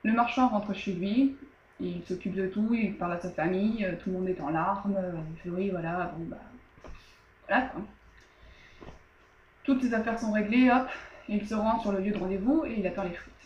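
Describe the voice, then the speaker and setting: A woman's voice: mid-range voice, fairly quick, darkish tone, reverberant, muffled recording, a little hiss or hum. A woman casually retelling an old tale as a storyteller, loose and chatty with many fillers and asides.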